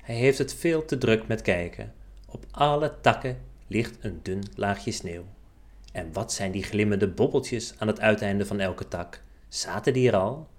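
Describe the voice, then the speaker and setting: A man narrating a children's storybook chapter aloud in a gentle, expressive storytelling manner. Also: on the low side, a little slow.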